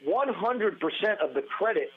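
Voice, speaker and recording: A man in his forties or older, a podcast guest telling a long story in a lively, rambling way. His sentences often stop and restart. His voice sits a little high and comes through a thin, phone-like line. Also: normal speed, breathy edge. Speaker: podcast guest, former band guitarist. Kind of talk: casual storytelling interview. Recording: tinny phone-line sound.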